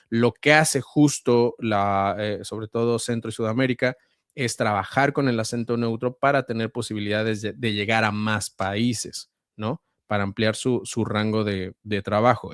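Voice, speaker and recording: A man with a central Mexican accent, a voice-over artist and guest, explaining at a measured pace with frequent hesitations. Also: fairly low pitch, clear, resonant tone, no room sound, clean studio sound. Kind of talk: conversational interview answers.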